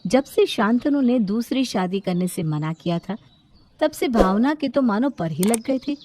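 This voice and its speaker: A woman narrating a scripted moral storybook in an even storytelling manner. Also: on the high side, measured pace, very noisy.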